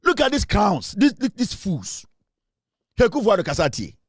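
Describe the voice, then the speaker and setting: An online commentator with a Ghanaian English accent gives opinionated, emphatic commentary, repeating points to drive them home. His fairly high, husky voice swoops wildly in pitch at a normal speed. The recording is close and dry, with little room sound.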